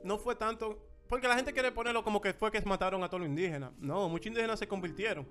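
A man's voice: sits high, fast talker, faint music behind. A man telling history in a casual, slangy chat as podcast co-host. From Dominican Republic. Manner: animated storytelling, slangy. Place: United States.

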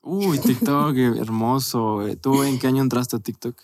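Very low-voiced woman host. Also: unhurried. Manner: relaxed, slangy, asks short follow-up questions. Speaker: podcast host. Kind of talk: casual interview.

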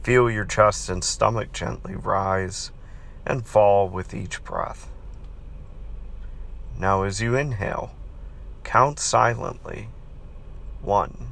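A man with a fairly low voice and plenty of vocal fry guides a meditation. His delivery is calm and very slow, like a counselor reading instructions to soothe a listener. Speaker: podcast host and counselor leading guided meditation. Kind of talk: guided meditation, read aloud.

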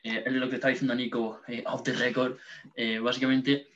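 Young man, late teens, quick earnest advice, muffled lo-fi recording. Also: mid-range voice, little pitch movement, fairly bright tone. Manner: earnest, advice-giving, swears casually. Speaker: podcast co-host. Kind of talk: casual chat. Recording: dull lo-fi sound.

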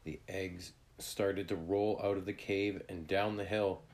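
A man reads a children's adventure book aloud in a low, deep voice. He takes his time, with a calm and deliberate delivery. Each sentence is measured and clear. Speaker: narrator.

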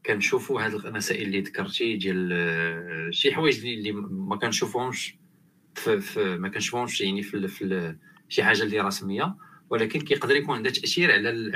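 Rapid, lowish Moroccan man hosting a discussion. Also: fairly bright tone, slight background noise, poor audio. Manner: roundabout, rephrasing questions with French terms mixed in. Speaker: discussion host. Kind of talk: panel discussion, asking questions.

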